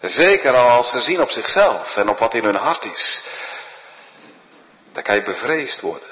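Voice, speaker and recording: A man preaching a sermon in a solemn, earnest manner, often dropping to a hushed voice. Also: mid-range voice. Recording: dull echoey church recording.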